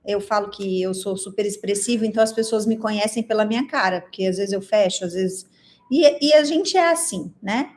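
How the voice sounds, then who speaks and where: With a medium-pitched voice and a slightly fast pace, an expressive instructor with a Brazilian Portuguese accent leads an online class. She asks her audience many questions and reads their chat responses.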